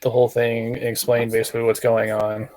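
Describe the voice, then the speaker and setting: A male player at a tabletop role-playing game with a medium-pitched voice. He talks casually, slipping between his character's words and plain table talk. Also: completely flat delivery, fairly quick, a little mellow, low-quality recording.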